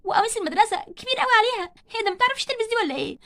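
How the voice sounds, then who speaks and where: Snooty, sneering schoolgirls, all voiced by a woman with an Egyptian accent, scornful and catty in a doll play story. The voice is very high and rattles along at speed. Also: animated, very fast, a bit bright, exaggerated voice. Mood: mocking. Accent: Egyptian Arabic.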